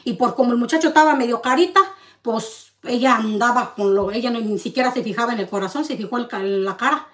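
A woman's voice: fairly high pitch, fast talker. A woman vlogger, ranting at the camera in a heated, accusing way and firing off rhetorical questions. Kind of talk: heated confrontational rant to camera.

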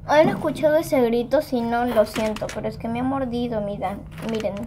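A woman vlogging at home with her pet rabbit, giggly, excitable and chatting with her viewers. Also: a little high, moderate pace, background noise. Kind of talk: casual home vlog.

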